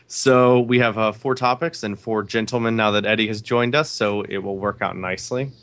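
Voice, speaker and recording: A man's voice: on the low side, normal speed, fairly bright tone. A man hosting a casual gaming podcast, running a quiz game and laughing often.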